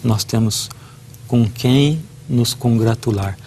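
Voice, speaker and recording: A man's voice: mid-range voice, slow pace, a little mellow, a little hiss or hum. A middle-aged man, a guest preacher, giving a devotional talk and telling a personal story earnestly, acting out the dialogue.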